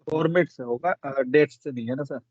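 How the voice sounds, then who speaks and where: A male student in an online class answers briefly and deferentially. His voice is mellow and dark, heard dry and dull through lo-fi call audio. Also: mid-range voice, moderate pace, no room sound.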